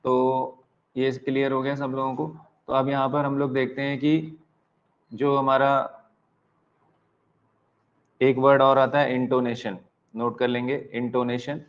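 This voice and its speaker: An Indian man teaches an exam-prep lecture at a very slow, dictating pace, spelling out words letter by letter and repeating each definition so students can write it down. His voice sits at an ordinary middle pitch. The sound is slightly dull and lo-fi. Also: flat delivery. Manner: mixes Hindi and English.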